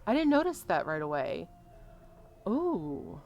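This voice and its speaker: A woman's voice: lowish voice, big pitch swings, takes it slowly, gravelly, lo-fi sound, slight background noise. A woman commentating casually on a game as a streamer, reading dialogue choices aloud. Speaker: gaming streamer.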